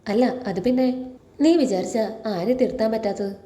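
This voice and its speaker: A woman's voice: a little high, normal speed, mellow, reverberant, close to an everyday voice. A woman reading the lines of an elderly grandmother, affectionate and full of regret, in a serial recap. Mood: gentle. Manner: affectionate, tearful pleading. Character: elderly grandmother, tender and guilt-ridden.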